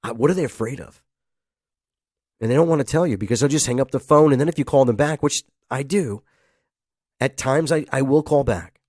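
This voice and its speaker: A man runs a relaxed solo podcast while nasal from a head cold, wandering through topics, chuckling and performing phone calls. His mid-range voice is a little mellow and husky, fairly quick but broken by long pauses, captured cleanly in a studio with no room sound.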